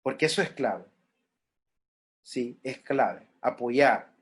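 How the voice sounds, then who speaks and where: A man's voice: medium pitch, animated, slow, husky. A middle-aged man, a pastoral counselor, lecturing a class on grief in an earnest way, repeating key points and acting out what people say.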